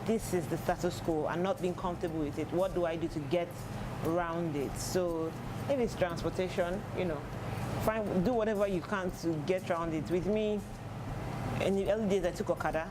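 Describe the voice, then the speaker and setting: A young Nigerian man who works as a fashion designer, giving thoughtful, measured interview answers with frequent pauses. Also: high voice. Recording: noisy outdoor urban recording. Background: street and vehicle noise.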